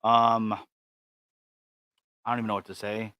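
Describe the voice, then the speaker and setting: A man's voice: fairly low pitch, flat delivery, a little slow, no echo, highs cut off. A man co-hosting a livestream in casual chat, with dry, teasing grumbles. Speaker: co-host of a cigar show.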